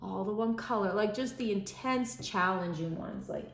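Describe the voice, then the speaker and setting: A woman talks loosely while doing a puzzle at home, rambling and tired, her speech full of fillers and restarts. Her voice sits at a middling pitch. The room gives it a noticeable echo. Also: normal speed. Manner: rambling, chatty, self-interrupting with fillers; drops to mutters and whispers while working the puzzle. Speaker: puzzle channel host.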